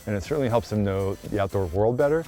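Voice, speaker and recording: A man's voice: fairly low pitch, fast talker, mellow, faint music behind. A man working as a rock climbing guide, explaining plainly and encouragingly in casual outdoor talk. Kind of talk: casual interview talk and on-location instruction. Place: outdoors on wooded trail and cliffs.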